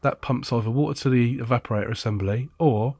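A man's voice: mid-range voice, fast talker, darkish tone, husky, dry recording, clean studio sound. Blunt, chatty repairman. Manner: blunt, chatty, jokey and sarcastic. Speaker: appliance repair technician. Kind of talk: casual how-to demonstration.

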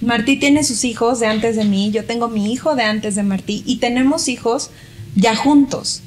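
A woman with a Mexican accent speaks in a fairly high voice as a guest on a studio set. She talks warmly and gratefully, and a faint low hum sits behind her. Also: moderate pace. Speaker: interview guest, lawyer. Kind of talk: grateful interview talk. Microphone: handheld mic.

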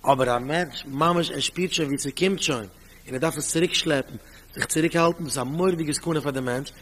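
A rabbi teaching a Talmud class in an animated style, with a fairly high voice. He reads out the source text, explains it and asks rhetorical questions. The recording carries a long, hall-like reverb. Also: brisk, a little hiss or hum. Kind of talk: Talmud study lecture.

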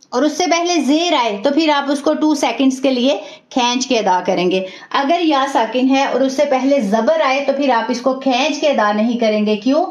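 A high-pitched woman teaching a recitation lesson, patiently repeating each rule step by step and praising her students warmly. The recording sounds echoey and slightly dull. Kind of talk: tajweed lesson.

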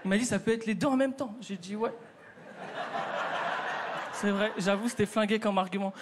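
A man's voice: high voice, steady tone, normal speed, very noisy. A man with a North African French accent doing a chatty stand-up routine on a theater stage, talking straight to the crowd. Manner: chatty, addresses the crowd directly. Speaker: stand-up comedian.

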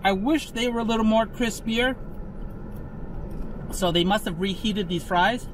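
A man with a high voice chews and talks through a mouthful of food as he gives his casual verdict. He muses aloud between bites. Outdoor car-park noise is clearly heard behind him. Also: a little slow. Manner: chewing while commenting, musing aloud. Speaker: food vlogger. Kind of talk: casual food review vlog.

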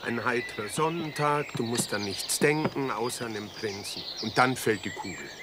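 A man's voice: mid-range voice, moderate pace, close to an everyday voice. A man playing a fussy, self-important director of a children's play in a radio drama. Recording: loud noise behind.

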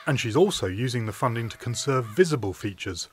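A landscape archaeologist presents a documentary walking tour on open downland, narrating and interviewing with marvelling enthusiasm. His voice is medium-pitched, expressive and brisk.

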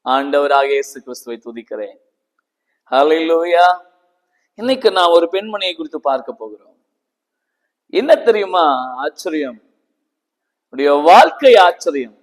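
A man's voice: fairly high pitch, long reverb tail, poor audio. A man pastor preaching a fervent, emphatic sermon full of rhetorical questions.

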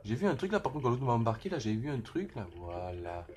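A young man giving casual, excitable let's-play commentary, full of slang and outbursts at the game. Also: mid-range voice, fast talker, slight background noise. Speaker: gaming youtuber.

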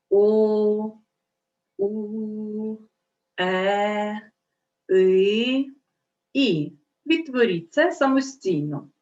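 Brief: woman teacher, slow and lively delivery for small kids, dull lo-fi sound. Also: medium pitch. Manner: slow, clear, sounds out vowels and letters. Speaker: primary school teacher. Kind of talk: video lesson for children.

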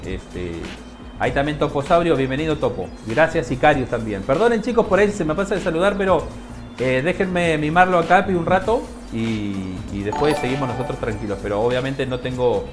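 A man chatting on a live stream in a hesitant, halting way, greeting viewers. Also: medium pitch, faint music behind. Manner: hesitant, halting, many fillers. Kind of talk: casual live-stream chat.

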